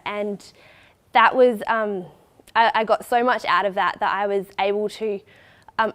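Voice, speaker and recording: A young Australian woman in her twenties, a recent graduate, speaking at an open day with a nasal voice from a cold, chatty with many fillers. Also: medium pitch. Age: 20s. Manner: chatty, with many "um" and "you know".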